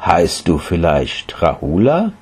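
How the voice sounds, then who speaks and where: A calm, wise monk teacher in a storybook tale, asking gentle and patient questions, as a man puts him on. The voice is low and a little husky, with a lively lilt. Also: slow, exaggerated voice.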